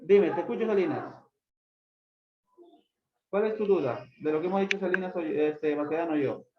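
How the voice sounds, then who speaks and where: At a moderate pace and mid-range pitch, a teacher quizzes a class on grammar, naming students, repeating questions, and scolding them for not going back over the book. Expect echo, a dull lo-fi sound, and loud background noise.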